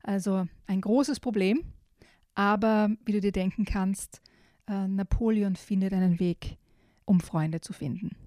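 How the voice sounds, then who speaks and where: A woman presents children's picture books, reading passages aloud in a soft, mellow voice and then chatting to a young listener with small fillers. Her pitch sits in an ordinary middle range. The sound is dry and close, with no room around it. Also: a little slow, dry recording. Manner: lively storytelling with shifted voices for animals.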